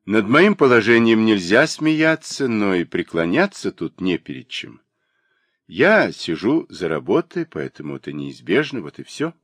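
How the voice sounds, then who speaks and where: A man voicing an earnest, reserved young gentleman who speaks calmly and sincerely. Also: fairly low pitch, dry recording, full character voice. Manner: calm, sincere, measured.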